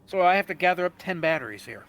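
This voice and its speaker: A man's voice: sits high, animated, fast talker, a bit bright, low-quality recording. A man playing a tabletop game, casually describing his character's moves in a rambling, joking way. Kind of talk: casual role-play chat, describing his character's actions.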